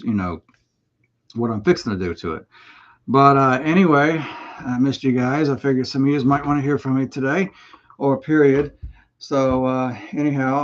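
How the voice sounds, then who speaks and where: A man's voice: medium pitch, highs cut off. A man chatting casually on a livestream, rambling in a folksy way with lots of fillers and restarts, and he has the hiccups. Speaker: motorcycle vlogger.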